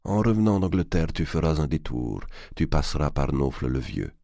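A man reading aloud, voicing an old, cunning banker who speaks slowly and in a measured way. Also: very deep voice, sing-song, gravelly, mellow, no room sound, studio quality, full character voice. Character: old cunning male banker, tender with his nephew.

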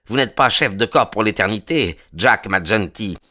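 A man's voice: on the low side, expressive, a little slow, pushed and bright. A man voicing a surly, jealous male gang member in an audiobook, speaking defiantly and with hostility. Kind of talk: audiobook character reading.

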